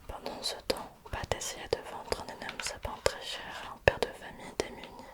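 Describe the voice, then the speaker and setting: A woman reading a bedtime story in a hushed, soothing ASMR whisper, quiet as at night, gently addressing the listener as if a child. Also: a little fast.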